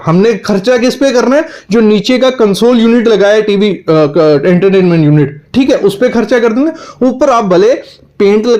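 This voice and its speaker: A man's voice: high voice, a little mellow. A man giving direct, practical advice on interior design to the viewer in an instructional explainer.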